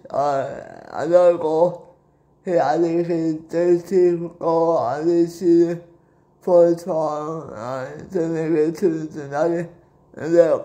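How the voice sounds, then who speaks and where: A young man hosting his own sports channel, giving a solo postgame reaction recap from a small indoor room into a close phone camera. He talks in a halting, hesitant way, stalling and repeating words as he goes. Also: a little high, dark tone. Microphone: phone camera close up from below.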